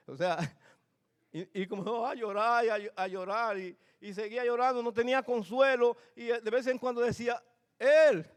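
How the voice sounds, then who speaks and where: A man's voice: extremely high pitch, moderate pace, clear, resonant tone. An older man, a pastor, preaching a sermon in church, telling family stories with humor and asking the congregation questions. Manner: storytelling, lively and humorous, addresses congregation.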